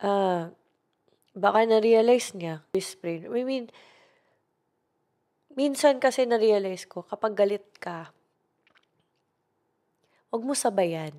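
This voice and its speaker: A young woman with a Filipino accent recounts her own experiences in a casual storytime vlog. Her voice sits at a middle pitch, and she slips between languages mid-sentence. She talks to the viewer like a close friend. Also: slow, pauses often, dark tone. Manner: chatty Taglish storytelling, addresses viewer as best friend. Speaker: content creator.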